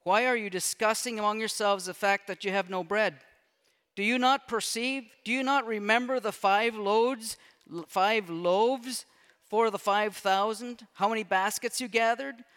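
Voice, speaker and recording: A man delivers a sermon from a church sanctuary, his voice high, clear and resonant. He moves between reading scripture aloud and chatting with the congregation. A long reverb from the hall trails every phrase. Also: measured pace, fairly bright tone. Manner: reads scripture aloud with conversational asides. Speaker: pastor.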